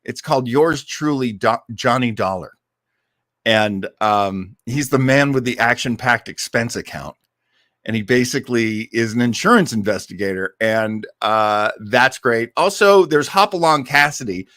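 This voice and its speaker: Hosting a casual livestream devoted to old-time radio, this American man talks to his audience in an eager, meandering, conversational style, raving about the shows he loves. He speaks unhurriedly at a medium pitch with a slightly bright tone, recorded cleanly in a studio without echo.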